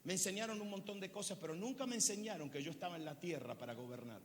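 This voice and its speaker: The congregation in a large church hall hears a pastor in his fifties talking fast, peppering them with questions and alternating loud bursts with low, quiet lines. Reverb from the hall and faint noise color the recording.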